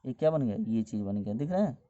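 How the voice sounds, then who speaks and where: Dark-voiced man teaching chemistry. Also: lowish voice, lively intonation, fast, no room sound. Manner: explains step by step, repeating key terms. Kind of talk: whiteboard lesson explanation. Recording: dull, dry lo-fi recording.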